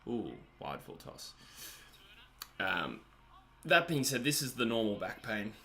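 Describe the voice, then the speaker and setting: Australian male streamer, 20s, chatty self-deprecating host, bright tone. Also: on the low side, big pitch swings, slow pace. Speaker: livestream host reading chat. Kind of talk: casual live chat over a cricket match.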